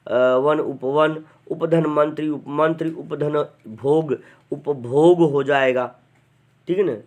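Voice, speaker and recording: Brief: male grammar teacher, slightly high-pitched, chatty and deliberate. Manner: chatty, repeats "है ना" often; dictates word forms slowly and deliberately. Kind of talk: online class lecture.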